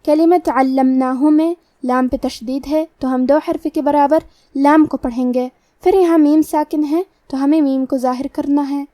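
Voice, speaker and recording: A woman teaching Quran recitation rules letter by letter, reciting verses slowly and drawn out between her explanations. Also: high-pitched, fairly even intonation, mellow, no room sound, studio quality. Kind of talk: tajweed lesson with slow recitation.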